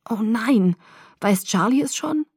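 A woman voicing a half-drowned, shivering young woman who speaks in a hoarse, croaking whisper. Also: on the high side, expressive, slow, darkish tone, no echo, studio quality, heavily acted. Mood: hoarse, weak.

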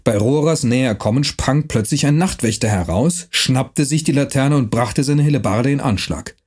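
A man narrating a historical novel in a measured storytelling manner. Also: mid-range voice, a little mellow, slightly rough. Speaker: audiobook narrator.

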